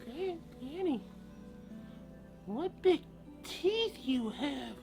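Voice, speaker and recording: A man's voice: very high voice, expressive, extremely slow, creaky, darkish tone, faint music behind, voice pushed up, heavily acted. A man voicing an innocent, plaintive little girl from a storybook. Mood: puzzled.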